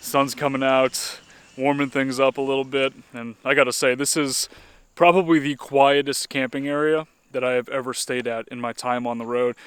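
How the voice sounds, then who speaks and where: An American man talking casually to viewers as a travel vlogger, in an easygoing, unhurried way. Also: mid-range voice, a bit bright, smooth, no echo. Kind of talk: casual vlog narration.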